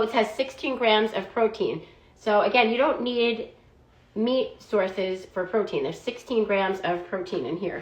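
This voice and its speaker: Chatty woman in a roomy echo. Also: medium pitch. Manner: chatty, fillers of "like" and "um". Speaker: food product reviewer. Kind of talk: casual product review vlog.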